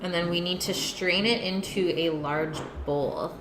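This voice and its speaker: With a lowish voice, fairly even intonation, and a measured pace, a woman works through a casual home-kitchen cooking stream while answering messages from her viewers. The sound is echoey, with background noise.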